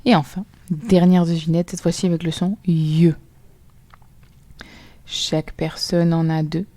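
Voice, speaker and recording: A woman with a French accent teaching a recorded phonics lesson to children, spelling sounds out slowly and clearly letter by letter. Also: fairly low pitch, flat delivery, warm tone, dry recording.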